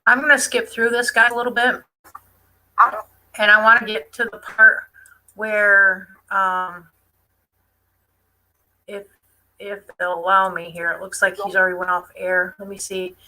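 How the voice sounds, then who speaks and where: A woman's voice: mid-range voice, little pitch movement, a little slow, long pauses, pushed and bright, poor audio. A woman hosting a casual live stream, chatty and defiant, with many fillers as she comments on a news clip. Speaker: online show host.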